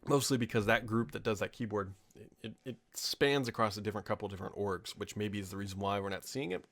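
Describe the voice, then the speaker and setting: A fairly low-pitched, slightly bright male voice talks fast as this American tech podcaster in his thirties answers listener questions. His commentary is casual, unscripted, opinionated, and prone to rambling.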